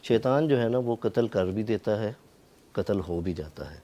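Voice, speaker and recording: A man's voice: fairly low pitch, animated, warm tone. A man speaking as a religious scholar, explaining points of faith in a panel talk, with some noise behind him.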